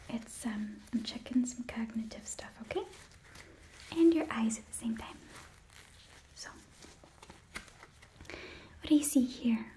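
A young woman in her twenties with a Midwestern American accent, doing a gentle, coaxing ASMR role-play as a school nurse, close to the mic. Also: high-pitched, a little hiss or hum. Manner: gentle, coaxing, as if tending a child. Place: small indoor room set up as an office.

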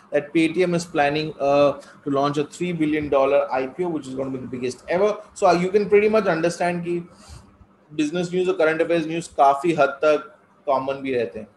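A man's voice: a little high, slight background noise, poor audio. A middle-aged man with a North Indian accent, teaching a live online class conversationally and switching between English and Hindi. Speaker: test-prep teacher.

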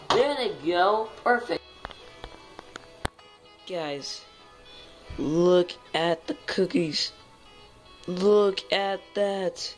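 A young boy filming himself in a home kitchen on a phone, chatty and excitable, full of fillers and calls of "guys". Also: high-pitched, rough recording. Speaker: home cooking vlogger. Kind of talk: casual cooking vlog. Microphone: phone camera held close.

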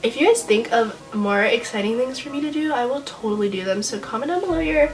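A teenage girl of about 16 to 17 from Honolulu, Hawaii, vlogs from her small bedroom with an American accent, chatting to camera in an informal, self-deprecating way full of slang. She speaks quickly in a fairly high, lively voice over soft music, and the recording quality is low.

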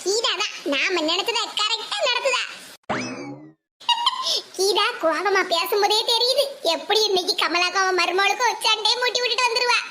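A woman's voice: very high-pitched, moderate pace, background noise. A woman voicing a scheming mother-in-law with a Tirunelveli Tamil accent, gleefully egging others into a fight. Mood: gloating.

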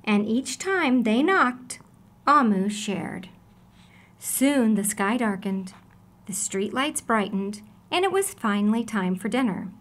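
A storybook reader with a voice on the high side reads a children's story aloud, expressive and deliberate throughout.

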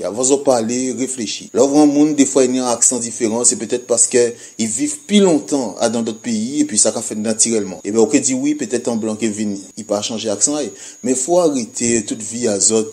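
A man from Guadeloupe with a Guadeloupean Creole-French accent, talking to his followers in an animated, emphatic monologue that mixes Creole and French. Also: medium pitch. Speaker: video creator addressing his followers. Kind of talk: casual monologue to camera.

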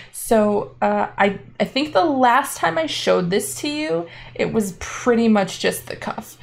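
A woman in her twenties hosts a knitting podcast from an armchair in her living room, chatting casually, laughing often, and filling gaps with ums. Her voice is a little high and creaky, with a darkish tone.

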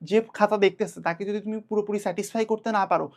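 Young woman, Bangladeshi Bengali accent, teacher, quick delivery, urgent and direct, exam-prep lesson. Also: mid-range voice, steady tone. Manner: direct, urgent, talks to students as peers.

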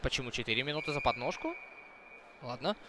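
A man's voice: medium pitch, lively intonation, quick pace, noisy background. A man commentating a hockey broadcast live, talking conversationally to viewers and thinking aloud.

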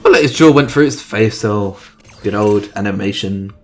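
A man giving chatty let's-play commentary, excitedly thinking aloud about his moves. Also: lowish voice, moderate pace, slight background noise. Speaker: gamer. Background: game music.

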